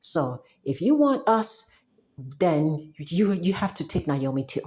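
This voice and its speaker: Speaking slowly in a fairly low, sing-song, slightly mellow voice, a young woman from Cameroon who works as a software developer delivers a casual monologue to the camera. She's emphatic, frequently laughing and restarting her sentences.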